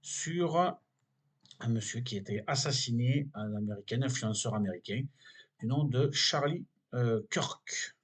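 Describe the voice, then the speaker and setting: A man's voice: mid-range voice, measured pace, slightly rough. A man with a French accent hosting a weekly video, reading an online biography aloud and adding his own opinions, with many fillers and restarts. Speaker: video host reading and commenting. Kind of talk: casual commentary reading from a web page.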